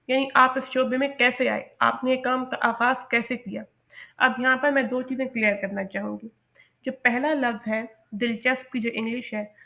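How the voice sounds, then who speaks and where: Female language teacher, lecturing patiently, saying English examples slowly and clearly. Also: a little high, a bit bright. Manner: slow, careful enunciation of English example sentences. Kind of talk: lecture explaining English phrases.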